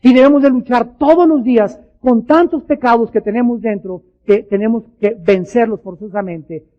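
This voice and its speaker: Woman preacher, emphatic sermon delivery, repeats key words, dull archive recording. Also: on the high side.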